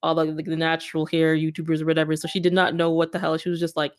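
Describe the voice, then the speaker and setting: Young woman host, lowish voice, chatty with lots of likes, also reads narration. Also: monotone, fast. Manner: casual, filler-heavy in chat. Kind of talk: interview chat and scripted narration.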